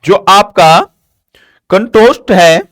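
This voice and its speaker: With studio-quality audio and no echo, a male teacher leads a live online grammar class. His explanations come slowly and deliberately in an animated pitch, and he drills by raising questions and answering them himself, one step at a time.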